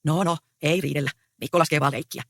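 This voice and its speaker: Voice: medium pitch, steady tone, gravelly, fairly bright tone, dry recording, clean studio sound. A reader voicing a mild, peace-keeping older peasant farmer in a stage play read aloud. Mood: placating. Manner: placating, mild.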